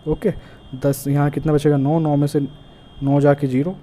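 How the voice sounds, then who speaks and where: On the high side but dark in tone, the man's voice stays flat at a normal speed. He has an Indian accent and is tutoring an exam-prep math class, breaking problems into steps and using English math terms, with faint noise in the background.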